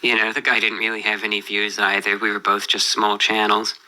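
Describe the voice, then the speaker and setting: Man, very bright tense tone, calm understated casual monologue, mildly bemused, answering viewer mail. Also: lowish voice, fairly quick, rough recording. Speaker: YouTuber answering viewer emails.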